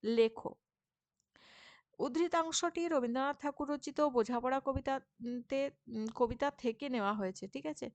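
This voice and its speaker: Lady teacher going over a lesson, high pitched, sounds out syllables slowly, keeps asking okay. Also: a little mellow, no echo. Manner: patient, checks understanding with frequent "okay?". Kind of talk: classroom lesson explaining textbook answers.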